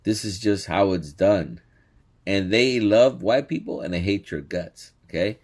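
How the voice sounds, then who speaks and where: A man's voice: low voice, measured pace. A man teaching scripture in casual commentary, laughing often and checking in with "okay?". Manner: laughs often, animated, says "okay?" a lot. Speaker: religious teacher commenting on a clip.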